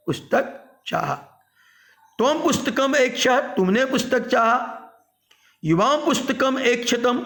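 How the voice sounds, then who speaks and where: A man teaching a grammar lesson, chanting verb forms in a slow sing-song drill and then explaining them. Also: very high voice, gravelly, fairly bright tone. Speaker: Sanskrit teacher.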